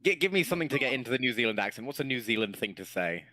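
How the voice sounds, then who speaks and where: A man's voice: mid-range voice, sing-song, racing, sharp tone. A man playing at a tabletop game, bantering in a playful, teasing way. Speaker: player.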